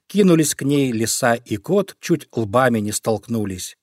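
A man reads a children's storybook aloud in a calm, expressive voice of middle pitch. The sound is close and dry, with no room around it. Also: measured pace, dry recording. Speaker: narrator. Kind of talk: storybook reading.

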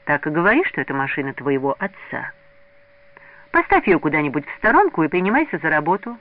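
A man's voice: fairly high pitch, very animated, quick pace. A man reading aloud, voicing a stern woman teacher who speaks curtly and sharply in a raised voice. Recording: narrow lo-fi radio recording.

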